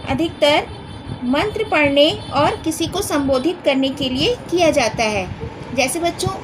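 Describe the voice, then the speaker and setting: Slow, high-voiced woman teaching letters. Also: animated, background noise. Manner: addresses children, spells out letters one by one. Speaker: Hindi teacher. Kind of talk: slow classroom grammar lesson.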